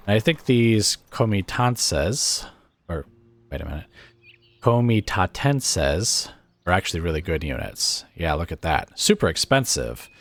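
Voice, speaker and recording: Sick and raspy, his low voice weakened, a man thinks aloud over a strategy game, very animated yet a little slow, filling the commentary with hesitant fillers.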